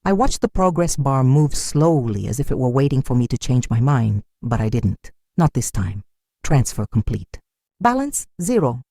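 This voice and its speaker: An older woman telling a first-person story in a sombre, measured, wounded way. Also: extremely low pitch, very animated, mellow, dry recording, studio quality. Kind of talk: scripted first-person narration.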